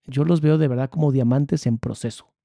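A man with a Mexican accent teaching a spiritual course, reading passages aloud and commenting on them with expressive, sarcastic asides. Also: mid-range voice, normal speed, vocal fry, no room sound, clean studio sound. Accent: Mexican Spanish.

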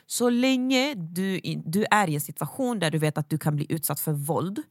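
A woman's voice: on the low side, animated, no echo, clean studio sound. A woman co-hosting a podcast, talking bluntly and emphatically, swearing freely in casual chat. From Sweden. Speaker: podcast co-host.

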